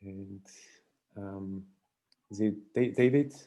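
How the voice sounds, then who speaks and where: A soft-spoken man leading a video call meeting, hesitant and full of fillers. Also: fairly low pitch, slow pace. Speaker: meeting facilitator.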